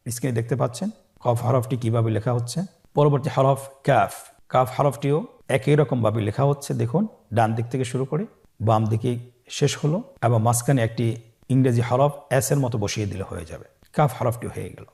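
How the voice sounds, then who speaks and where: A man teaching Quran letter pronunciation step by step, slowly drawing out each letter for the listener to repeat. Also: mid-range voice, gravelly, a little mellow. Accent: Bangladeshi Bengali. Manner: slow, drawn-out model pronunciations for the listener to repeat.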